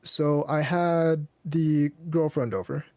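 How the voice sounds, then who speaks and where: Man, podcast host, casual chat, halting restarts, slightly high voice, dry sound. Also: fairly even intonation, a little mellow, no echo.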